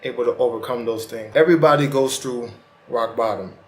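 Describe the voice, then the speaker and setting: A man with a medium-pitched voice speaks briskly in a roomy-sounding space, his speech slightly lisping and slurred from a retainer. As host of a self-help vlog, he delivers a casual, earnest motivational monologue directly to the viewer in colloquial language.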